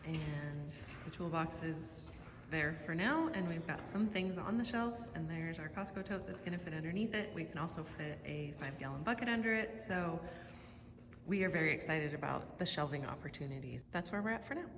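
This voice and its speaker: A woman's voice: low voice, lively intonation, a little fast. Chatty woman in a very echoey shop. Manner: chatty, informal, thinking aloud. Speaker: vlog host. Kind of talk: casual vlog narration. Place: large echoey metal or concrete workshop. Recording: very echoey workshop, loud background noise. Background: loud ambient noise.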